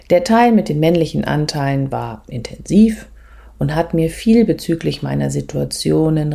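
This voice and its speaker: A woman speaks as a spiritual coach and meditation guide, measured and gentle, leaving pauses between phrases, with a husky voice that turns breathy at phrase ends. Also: sits low.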